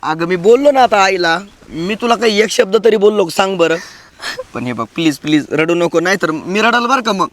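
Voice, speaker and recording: A man's voice: high-pitched, expressive, moderate pace, fairly bright tone, dry recording. Man playing a henpecked young husband. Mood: pleading. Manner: pleading, placating. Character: young husband caught between mother and wife. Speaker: son and husband.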